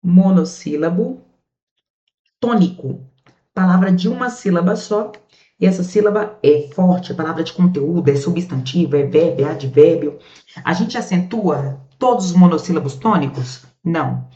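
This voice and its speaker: Brazilian lady teacher going through grammar rules, chatty, lowish voice, dull echoey sound. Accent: Brazilian Portuguese. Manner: lively, chatty, drawn-out stressed words. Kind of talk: online grammar lesson. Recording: muffled, echoey room.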